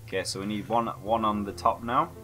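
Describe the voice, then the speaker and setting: A man's voice: fairly low pitch, steady tone, brisk, sharp tone, soft background music. A man casually chatting while playing a video game, playful and giggly with sing-song outbursts. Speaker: co-host gamer. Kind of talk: casual gameplay chat.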